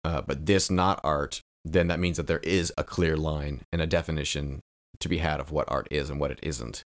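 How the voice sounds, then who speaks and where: A man with a very low, deep voice co-hosts a casual podcast. He talks in an earnest, reflective way and stretches out the phrases he wants to stress. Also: steady tone, moderate pace. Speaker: podcast co-host. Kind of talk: casual film discussion.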